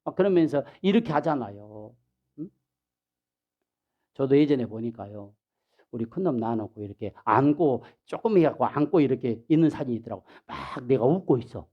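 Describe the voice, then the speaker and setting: A male pastor giving a sermon, telling the story in an animated way, acting out the people in it and dropping into soft asides. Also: medium pitch, husky, dull audio.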